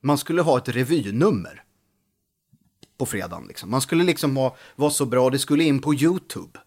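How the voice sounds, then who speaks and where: A male comedian tells anecdotes in a casual podcast conversation. He talks in an animated way, often restarting his sentences. His voice sits at an ordinary pitch for a man. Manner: animated storytelling with frequent restarts. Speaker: comedian guest.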